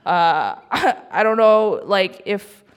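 A woman's voice: mid-range voice, animated, slow pace, smooth, dull audio. Chatty young woman comedian telling a story. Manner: chatty, self-mocking, laughs through lines. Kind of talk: live storytelling on stage. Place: live event in a club.

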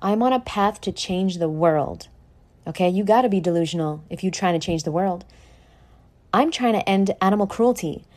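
At home in her condo, a woman hosts an informal motivational podcast, talking straight at the listener in a brash, sweary way. Her mid-range voice has a darkish tone, and she drags out words for dramatic emphasis.

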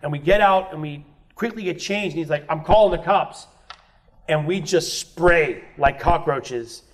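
A man with a slightly high voice speaks a little slowly as a guest musician on a podcast. He tells candid stories about his past in casual chat, swearing freely and acting out other people's lines.

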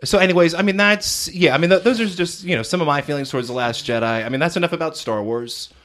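A man's voice: fairly high pitch, quick pace, a bit bright. A man co-hosting a casual movie review chat, opinionated and critical, with frequent fillers. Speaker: podcast co-host reviewing films.

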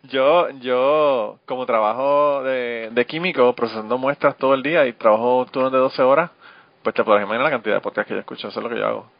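A man, hosting a podcast in quick, laughing casual chat. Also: mid-range voice, creaky, no echo. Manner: fast-talking, laughs often. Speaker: podcast host. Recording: dull, slightly lo-fi audio.

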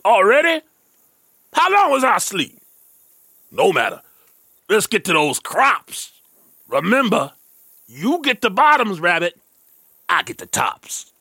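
A lazy, scheming male bear from a children's radio story. He talks slowly and sleepily, his pitch swooping wildly up and down. The voice is bright and dry against faint music. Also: huge pitch swings, slightly rough, no echo, exaggerated voice. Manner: drowsy, drawling, smug.

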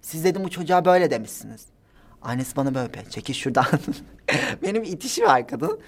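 A nineteen-year-old man telling stories as a guest in a casual interview, animated and giggly, acting out the people he quotes. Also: fairly high pitch, fast talker. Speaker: guest, social media personality.

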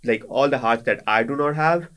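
Speaking at a moderate pace in a medium-pitched, slightly bright voice, a Pakistani man in his twenties makes casual conversation as a guest. He's a native Sindhi speaker and uses lots of fillers and restarts.

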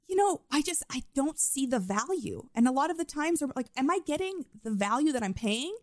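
A woman with a Canadian accent co-hosting a podcast, chatting in an animated, opinionated way. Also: high-pitched, brisk, no echo, clean studio sound. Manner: animated and opinionated, laughs easily. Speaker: podcast co-host. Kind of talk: casual chat.

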